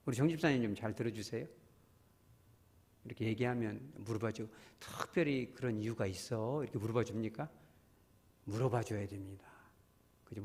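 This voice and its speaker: A man's voice: mid-range voice, gravelly, a little mellow, slightly rough, long reverb tail. A male pastor giving a conversational sermon, often acting out prayers and everyday dialogues. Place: church.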